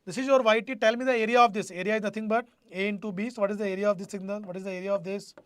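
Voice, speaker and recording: High-pitched North Indian man teaching live. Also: fairly even intonation, very fast, a bit bright, dry recording, clean studio sound. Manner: repetitive, question-prompting, addresses students directly. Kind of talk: live online exam-prep lecture.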